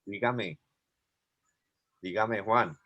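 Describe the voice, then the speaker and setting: A man's voice: on the low side, very slow, sharp tone, lo-fi sound. A man teaching an online class, explaining patiently and thinking aloud as he goes.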